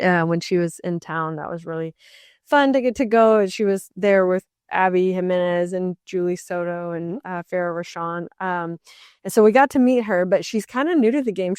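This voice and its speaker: A woman's voice: fairly low pitch, moderate pace, darkish tone, smooth, no echo. A young adult woman co-hosting a podcast, chatting casually about books in a rambling way with many fillers. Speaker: podcast co-host. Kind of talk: casual book chat.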